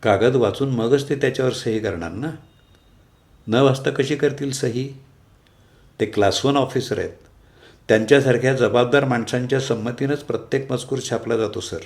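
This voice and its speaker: A man's voice: medium pitch, moderate pace, a little mellow, close to an everyday voice. A man voicing a female office clerk who defends herself in a polite, earnest tone, read aloud in a story.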